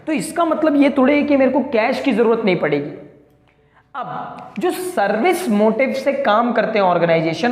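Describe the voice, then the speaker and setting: A male commerce teacher giving an accounting lesson, mixing Hindi with English terms. He asks the class questions and answers them himself, drawing out the key words. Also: high-pitched. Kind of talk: accounting lecture to students. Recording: echoey room with long reverb.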